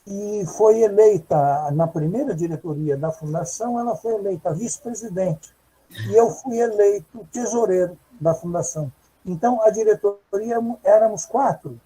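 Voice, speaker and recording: A man reminisces at a virtual book launch in a very dark, mellow voice with a husky edge. He speaks hesitantly, stopping and restarting as he recalls the past. The sound comes through a video call. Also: high voice, moderate pace, poor audio. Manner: hesitant, with many fillers and restarts. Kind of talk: reminiscing testimony.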